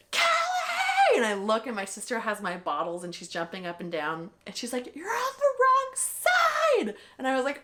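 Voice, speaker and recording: A woman's voice: fairly low pitch, a bit bright. Chatty, candid young woman vlogger. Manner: candid and chatty, heavy with "like" and mild swearing. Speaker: vlogger recapping a marathon. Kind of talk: casual chat.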